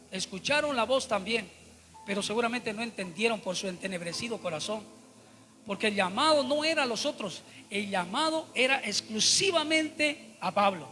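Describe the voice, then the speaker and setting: A man's voice: very high voice, bright, forceful tone, big-room sound. A man preaching a Bible study sermon, emphatic and repetitive, often turning to address his listeners as brothers.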